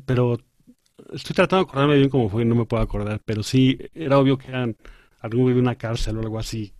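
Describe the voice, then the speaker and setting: A man's voice: medium pitch, quick pace, darkish tone, no room sound, studio quality. A man chatting casually as a co-host, laughing often and using slang while he gropes for details. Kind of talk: casual chat.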